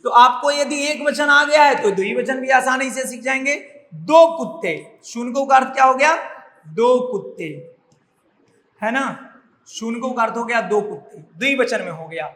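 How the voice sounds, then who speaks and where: Brief: bright-toned male schoolteacher, drilling pupils on word forms, reverberant classroom sound. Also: very high-pitched, animated, normal speed. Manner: repeats words and asks questions to students. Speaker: Sanskrit teacher. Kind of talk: classroom lesson explaining grammar. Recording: echoey room with long reverb, faint noise.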